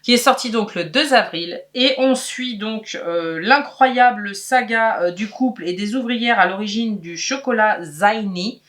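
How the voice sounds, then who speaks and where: A woman co-hosting a book channel, casually presenting new releases with frequent pauses and fillers. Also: medium pitch, fairly bright tone.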